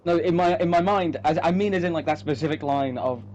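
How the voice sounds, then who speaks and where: A man with a slightly high, somewhat mellow voice talks quickly over lo-fi audio. He's the writer of the story being read, chatting casually about it in an emphatic, rambling way and swearing now and then.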